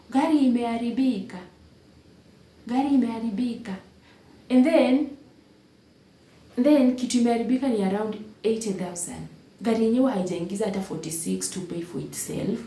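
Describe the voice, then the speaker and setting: A woman's voice: medium pitch, normal speed, warm tone, far from the mic. Emotional Kenyan woman telling her story. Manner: emotional, code-switches into Swahili, repeats phrases for emphasis. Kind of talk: casual storytelling to camera. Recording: echoey room, voice a bit off-mic, faint background hum.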